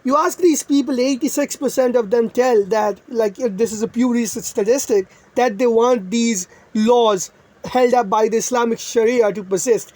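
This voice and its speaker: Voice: medium pitch, moderate pace, darkish tone. A young adult from India, ranting in a profane, sarcastic and rambling commentary vlog. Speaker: online commentator.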